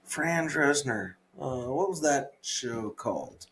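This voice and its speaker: An adult man with a Southern accent co-hosts a podcast, chatting casually, laughing often, and trailing off while searching for words. His medium-pitched voice is expressive and fairly bright, and he speaks at a slow pace.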